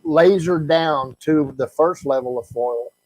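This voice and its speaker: A man hosting a casual video call chat, his audio cutting out with words dropping and repeating, talking haltingly with many fillers and restarts. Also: fairly high pitch, darkish tone, dry recording, rough recording. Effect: choppy connection cutting out, words dropping and repeating. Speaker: show host. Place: rural area on a weak internet connection.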